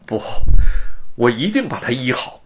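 An earnest young male scholar, as a man reads him aloud in an audiobook story. He pleads with sincere warmth, and his voice swings through a wide, lively pitch range. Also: unhurried.

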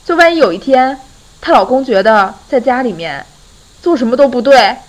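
Lively young woman podcast host. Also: on the high side, moderate pace, poor audio. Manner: lively, often breaks into laughter while retelling. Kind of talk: casual storytelling chat.

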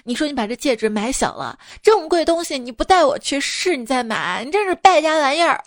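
A woman voicing an angry wife who scolds her husband in rapid, nagging bursts. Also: sits high, big pitch swings, dry recording, clean studio sound, voice pushed up. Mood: scolding.

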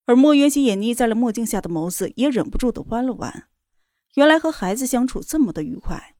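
A woman reading a romance novel aloud in a steady, even storytelling voice. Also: a little high, a little fast, no room sound, studio quality. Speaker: narrator. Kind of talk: scripted novel narration.

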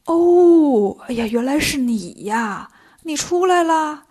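A woman voicing a kindly old village grandpa in a children's story, speaking slowly and drawn out. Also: high voice, lively intonation, a little mellow. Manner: slow, drawn-out old man's speech.

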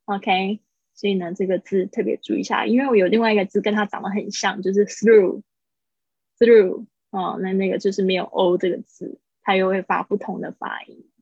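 A woman teaching English pronunciation on a livestream, explaining patiently and repeating words slowly for her students. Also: medium pitch, flat delivery, gravelly, a little mellow, husky, no room sound, lo-fi sound.

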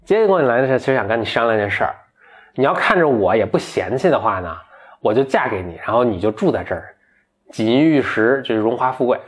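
Quick and expressive, a mid-range male voice spins a folk tale for a friend, giving the characters a light touch of voice and laughing as he goes, all very chatty.

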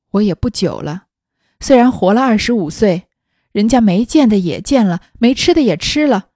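A woman reading the lines of a sharp, bitter young noblewoman who is unwell, in a scornful, cutting manner. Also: medium pitch, dry recording, studio quality, natural voice.

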